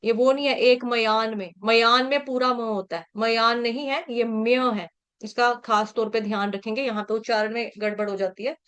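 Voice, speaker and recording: Woman, patient recitation teacher; high, smooth, very unhurried chanting voice. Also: steady tone, a bit bright. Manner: patient, repeats syllables slowly and explains each sound. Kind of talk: slow sung Sanskrit verse chanting with pronunciation lessons.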